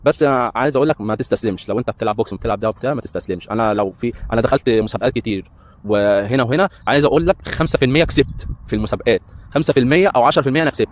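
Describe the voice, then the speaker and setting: A man's voice: mid-range voice, very fast, slight background noise. A man in his thirties with an Egyptian Arabic accent, a breakdancer and hotel entertainer telling his life story in a rambling way, with lots of hesitant fillers. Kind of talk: casual life-story monologue.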